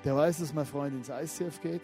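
A man preaching a sermon in a conversational, lively way, often asking the listeners direct questions. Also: fairly high pitch, a little fast, faint music behind.

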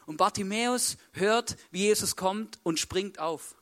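At a measured pace, a high-pitched, fairly bright-toned male preacher retells a story during a sermon. His delivery is casual and colloquial, he acts out what the people in the story say, and he constantly tags his lines with "right?"

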